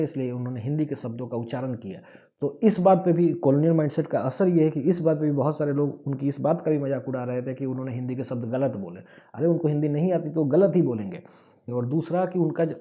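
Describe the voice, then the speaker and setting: A man from Bihar with a Bihari accent, explaining an online English lesson with everyday examples and lively emphasis. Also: a little high. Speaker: English teacher.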